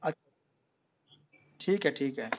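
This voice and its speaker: A man's voice: medium pitch, animated, takes it slowly, muffled recording, a little hiss or hum. A man with an Indian accent teaching an online science class in Hindi, explaining step by step and often checking whether students follow.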